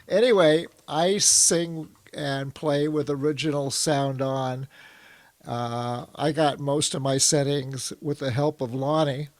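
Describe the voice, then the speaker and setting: A man on a video call chatting casually before he plays a song, rambling with many pauses and fillers. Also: mid-range voice, gravelly, dry recording. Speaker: club member, singer and guitarist.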